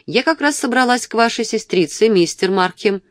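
A woman's voice: a little high, expressive, moderate pace, dry recording, clean studio sound, pitched above the performer's own voice, lightly acted. A woman voicing a coquettish, spiteful young woman who teases and mocks in a sing-song way, read from a novel. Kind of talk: audiobook character reading.

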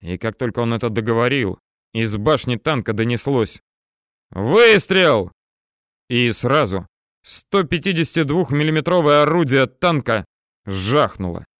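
A man's voice: medium pitch, expressive, normal speed, a bit bright, clear, resonant tone, no echo, studio quality. Man narrating a tense war audiobook.

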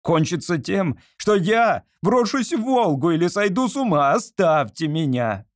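A man's voice: mid-range voice, normal speed, darkish tone, no room sound, clean studio sound, lightly acted. A man doing a peevish, worn-out painter. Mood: exasperated. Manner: peevish, exasperated, through clenched teeth. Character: irritable, worn-out male landscape painter.

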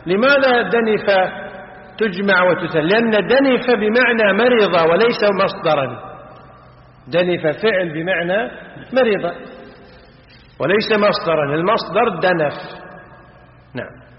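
A high-voiced man teaches grammar, drilling example forms and putting questions to his students. The recording is dull and lo-fi. His voice rings through a big echoey hall. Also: expressive, a little slow, pauses often. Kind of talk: classical Arabic grammar lesson.

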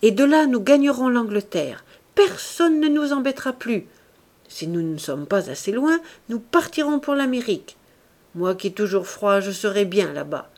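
A woman narrating a classic-novel audiobook takes on a fierce, domineering young woman who threatens imperiously and raises her voice. Her delivery is medium-pitched yet set above her natural voice, animated, a little mellow, moderately paced and lightly acted.

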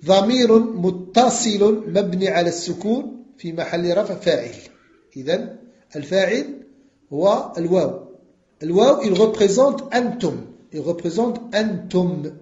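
A man teaching an Arabic grammar lesson, slow and deliberate, repeating words for his students and switching into French to explain. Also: high-pitched, darkish tone. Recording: echoey, dull lo-fi recording.

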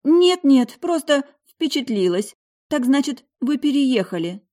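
A woman's voice: sits high, sing-song, unhurried, dark tone, voice pushed up. A woman voicing a worried, tender mother. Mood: curious. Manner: anxious, coaxing and protective. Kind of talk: audiobook character voice.

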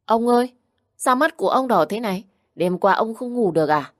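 A small, affectionate little boy speaks in a bright, high voice, as a woman puts him on. He sounds polite and eager, his pitch lifted well above an adult's. The recording is dry and close, with no room behind it. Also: lively intonation, brisk, dry recording, natural voice. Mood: sweet, curious. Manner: chirpy and polite, tearful when upset.

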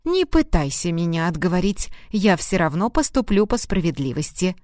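Woman voicing a hoarse dying old mother. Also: very animated, moderate pace, a little mellow, no room sound, studio quality. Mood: firm. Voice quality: low, hoarse, short of breath. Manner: firm, cutting, dismissive. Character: dying elderly mother, stern and weary. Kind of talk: audiobook reading.

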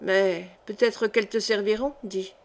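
A woman reading the part of a dying old coachman, speaking hoarse and faint. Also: medium pitch, fairly even intonation, measured pace, lightly acted. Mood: weary.

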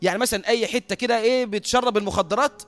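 An Egyptian man preaching a sermon as a lively storyteller who often laughs at his own tale. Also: high-pitched, very fast.

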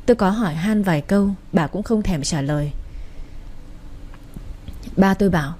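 Woman storyteller, soft dark timbre, keeps one steady voice for the whole cast. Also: lowish voice, normal speed. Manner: reads every character in her own voice, with little change. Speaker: story narrator. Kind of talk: narrating a romance story.

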